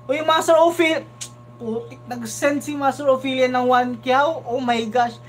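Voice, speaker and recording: A man hosting a casual live reaction stream, talking in an animated, chatty way and often asking "di ba?". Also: very high voice, moderate pace, slight background noise. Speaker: reaction video host.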